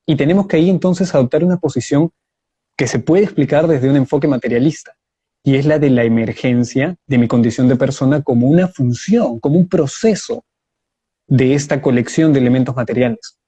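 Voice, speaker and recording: A man's voice: medium pitch, mellow, breathy edge. A man answering in a live online debate over a video call, explaining his view step by step with examples. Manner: measured, explanatory, uses examples. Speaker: debate guest.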